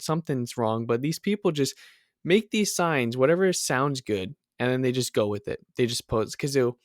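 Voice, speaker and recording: A man's voice: mid-range voice, dry recording, clean studio sound. A man hosting a podcast in casual chat, loose and enthusiastic.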